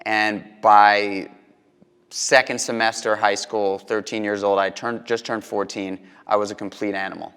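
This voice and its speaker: A man from New York City hosting a podcast, telling stories excitedly and swearing a lot. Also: on the low side, unhurried, clean tone. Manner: excited storytelling, heavy swearing. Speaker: podcast host. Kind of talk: casual podcast chat. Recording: long reverb.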